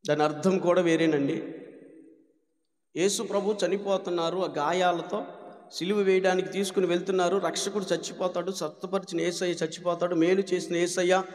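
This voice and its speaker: A man's voice: high-pitched, steady tone, moderate pace, long pauses, a little mellow. A man preaching a fervent sermon as pastor, calling out hallelujahs between points. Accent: Telugu. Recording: echoey hall with long reverb.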